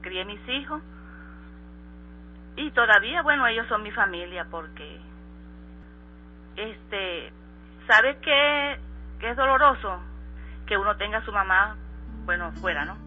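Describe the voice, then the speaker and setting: A woman's voice: mid-range voice, lively intonation. Middle-aged Colombian-born woman telling her story. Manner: halting, repeats words, restarts. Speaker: interviewee. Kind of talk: emotional personal testimony. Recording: slightly muffled radio with soft music.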